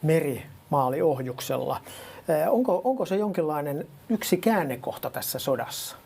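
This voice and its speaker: An interviewer asking measured questions in a news studio, pausing with fillers. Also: medium pitch, animated, creaky, mellow, slightly rough.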